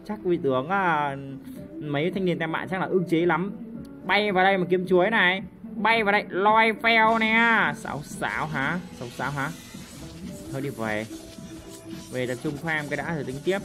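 A man's voice: fairly high pitch, normal speed, music in the background. Playful man commentating his game. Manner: playful teasing, sound effects and sudden shouts. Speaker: gaming YouTuber.

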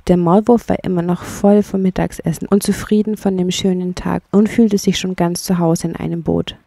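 A woman narrating a children's bedtime storybook in a calm, measured way. Her voice is low and mellow with a gravelly texture. The recording is close and dry. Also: no echo. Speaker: audiobook narrator.

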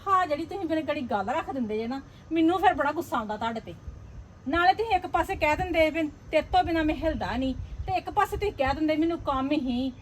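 A woman's voice: sits high, expressive, fast talker, a little hiss or hum. An actress with a Punjabi accent playing a greedy, scheming elder sister who bosses her husband in a village family drama. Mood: bossy. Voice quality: scornful, bossy. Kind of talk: Punjabi web drama acting.

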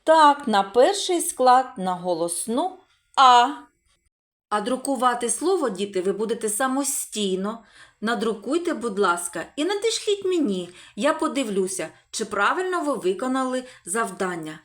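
A woman teaching a remote literacy lesson to young children, sounding out syllables slowly and praising them as they go. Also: on the high side, very animated. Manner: slow, drawn-out sounding out of syllables; praising and encouraging. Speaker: preschool teacher.

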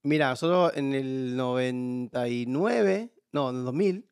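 Animated Buenos Aires man telling stories. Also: medium pitch, a little slow, smooth. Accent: Buenos Aires Argentine Spanish. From Argentina. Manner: animated storyteller acting out quoted voices. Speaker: podcast guest. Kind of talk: casual interview chat.

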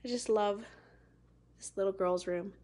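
A woman's voice: mid-range voice, steady tone, a little mellow. A woman, a real estate agent giving a live virtual tour, walking through a house and talking upbeat and admiring into a handheld phone. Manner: upbeat, admiring, slow and deliberate. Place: large house indoors, walking room to room. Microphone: phone held at arm's length.

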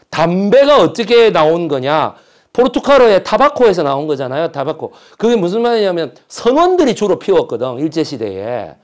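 A man giving a storytelling history lecture, animated and jokey, often asking his audience questions and acting out quotes. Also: high-pitched. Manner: slips into dialect when quoting figures.

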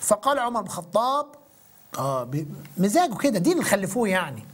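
A man's voice: high-pitched, big pitch swings, fast, a bit bright. A man with an Egyptian accent hosting a call-in show, arguing hard and talking over his caller with repeated appeals. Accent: Egyptian Arabic. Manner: insistent, keeps cutting in and repeating himself. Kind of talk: heated phone-in debate.

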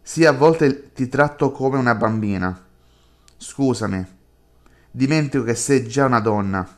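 A possessive, unseen presence in a chat horror game that coaxes and commands, as a man reads it slowly and unhurriedly. The voice stays level and close to ordinary talk. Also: medium pitch, natural voice. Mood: coaxing, commanding.

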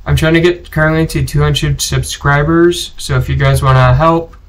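Rambling, slightly high-voiced male gamer. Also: steady tone, normal speed. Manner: rambling, self-correcting, chatty. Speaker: gaming channel host. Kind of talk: casual gameplay commentary.

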